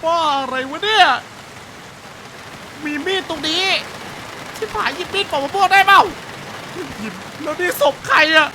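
A man's voice: very high-pitched, lively intonation, a little slow, long pauses, background noise. A young man streaming a horror game, chatting to viewers, cursing and yelping when startled. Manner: jumpy, swears and shrieks at scares. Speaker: gaming streamer. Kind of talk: horror game let's-play commentary.

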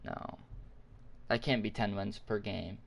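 A man's voice: lowish voice, steady tone, a little slow, vocal fry. A young man chatting casually while gaming, rambling and thinking aloud. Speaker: gamer.

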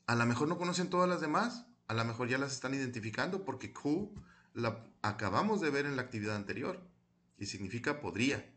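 A man's voice: mid-range voice, animated, fairly quick, a bit bright. A man teaching English to children, explaining patiently in Spanish and reading model dialogues aloud twice for the class to repeat. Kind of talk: recorded classroom lesson.

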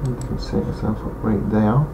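In a lowish voice at normal speed, a man with a regional accent, one he says some may not follow, talks through his strategy game moves. This gaming channel host keeps it relaxed, thinking aloud and mumbling asides through his let's play commentary. His dull lo-fi home mic hisses loudly.

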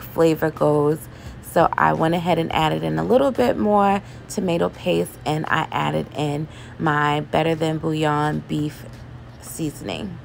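A woman chatting casually as she cooks in her home kitchen, relaxed and loose, with laughs and fillers. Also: deep voice, creaky, slight background noise. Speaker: home cooking vlogger. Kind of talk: casual cooking voice-over.

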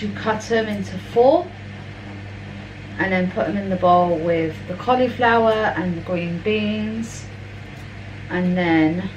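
Slow-talking young woman vlogger. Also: medium pitch, a little hiss or hum, poor audio. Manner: chatty, rambling and informal. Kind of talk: casual cooking vlog. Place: home kitchen, indoors. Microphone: camera on a counter at mid-distance. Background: washing machine running.

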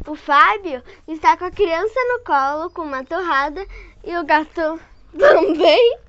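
A woman's voice: very high-pitched, lively intonation, unhurried, a bit bright. A woman reading a children's picture book aloud, breaking off for chatty asides and giggles. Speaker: storyteller. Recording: dull dry home recording.

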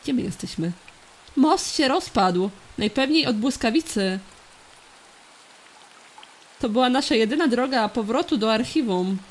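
A woman voicing an earnest, guilt-ridden teenage girl, reading the game's dialogue in a soft dubbing manner. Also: on the high side, expressive, unhurried, pauses often. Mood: worried. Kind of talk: reading game dialogue aloud.

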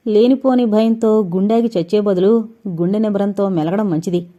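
A woman voicing a calm young leader. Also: medium pitch, highs cut off, lightly acted. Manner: slow, measured, firm. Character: calm steady young man leading the group.

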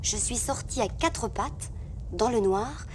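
A woman's voice: on the high side, animated, slow, slight background noise. A woman narrating as a young girl reading her letters to a friend in a confiding tone. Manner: gentle, confiding.

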